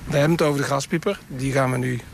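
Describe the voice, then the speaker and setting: A man's voice: mid-range voice, fairly even intonation, rapid-fire, vocal fry, a little hiss or hum. A man who is a bird sound expert, explaining in the open air and sometimes imitating bird calls. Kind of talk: explaining in a field report. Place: outdoors in open grassland.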